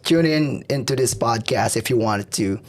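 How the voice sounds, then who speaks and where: A man hosts a podcast interview in a voice worn hoarse, since he lost it only days earlier. He keeps a loose, easygoing flow, dotting his talk with "like" and "right?". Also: mid-range voice, normal speed. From Filipino community. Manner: relaxed, fills with "like" and "right?". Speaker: podcast host. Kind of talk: casual interview.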